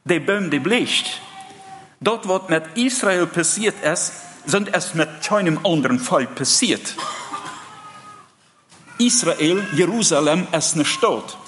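A man preaching, his voice sitting a little high for a man. He speaks earnestly and haltingly, restarting phrases as he goes. Long hall reverb trails after each line. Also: expressive, fairly bright tone, slight background noise. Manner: earnest, halting delivery with many broken-off phrases. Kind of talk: sermon.

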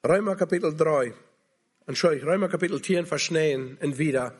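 A man's voice: on the high side, a little fast, breathy edge. A man preaching a sermon, earnestly pleading with listeners to come to Jesus.

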